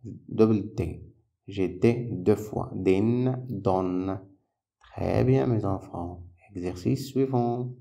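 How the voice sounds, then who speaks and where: A man's voice: lowish voice, slow pace, creaky, mellow. A man teaching a phonics lesson to young children, patiently sounding out and repeating syllables and words. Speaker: primary school teacher.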